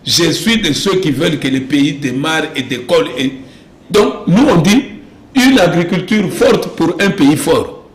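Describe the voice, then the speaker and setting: This political interview guest from DR Congo, speaking with a Congolese French accent, keeps pressing insistently, returning to the same phrases and asking rhetorical questions. His fairly high voice is animated but measured in pace. Echo fills the room and background noise comes through clearly.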